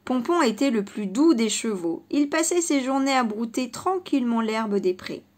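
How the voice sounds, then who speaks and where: A woman reading a children's storybook aloud in a lively, expressive voice. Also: fairly high pitch, normal speed.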